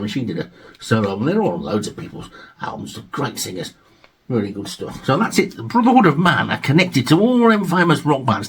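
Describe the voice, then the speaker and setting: A man's voice: mid-range voice, gravelly, a little hiss or hum. A man from England hosting a video about his record collection, chatting casually with jokey asides and reading liner notes aloud. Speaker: vinyl collection video host.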